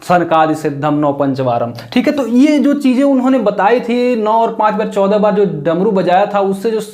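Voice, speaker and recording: High-voiced man teaching step by step. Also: moderate pace, mellow. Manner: explains step by step, repeats key points; asks questions and answers them himself. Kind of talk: classroom-style lesson.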